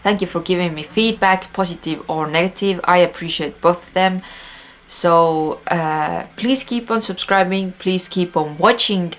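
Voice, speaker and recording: Fairly low in pitch yet a little bright, this Estonian-accented woman presents a news vlog in English, her native tongue being Estonian. She comes across as earnest, often pausing and using fillers.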